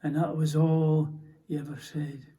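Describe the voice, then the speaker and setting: A man with a Scottish accent playing a haunted soldier in a theatrical monologue, telling his story in a halting, stammering, emotional way. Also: on the high side, flat delivery, dark tone, natural voice. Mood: bitter. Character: Scottish soldier recounting a prisoner's execution, haunted. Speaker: stage actor. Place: theatre stage.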